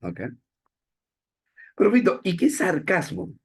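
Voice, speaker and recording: A man's voice: high voice, wildly swooping pitch, takes it slowly, gravelly, slightly rough. A man, a teacher giving a playful, self-mocking classroom lecture and checking in with his students.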